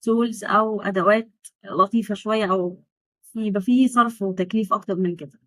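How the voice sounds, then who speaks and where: An Egyptian woman teaching a German lesson, chatty with sarcastic asides, repeating words slowly to drill pronunciation. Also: mid-range voice, steady tone, no echo, low-quality recording. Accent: Egyptian Arabic. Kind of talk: online language lesson.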